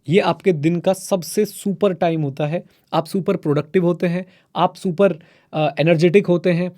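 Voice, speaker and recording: A man's voice: a little high, a little mellow. A man teaching a live online mentorship session, urging students on and repeating points for emphasis. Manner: exhorting, repeats himself for emphasis; addresses students as children, asks them to reply in chat. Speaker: CA exam teacher.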